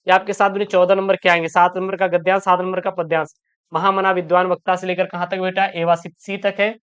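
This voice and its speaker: A woman speaks in a lowish voice that's clean-toned with little pitch movement. She's teaching exam prep online, calling her students "beta," and for each question she reads it out, often repeats it, then answers fast and explains.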